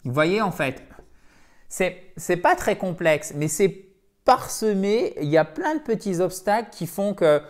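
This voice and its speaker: A man teaching a video lesson for French speakers, lively and repeating words to drill their pronunciation. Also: high voice, a little slow. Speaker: English teacher.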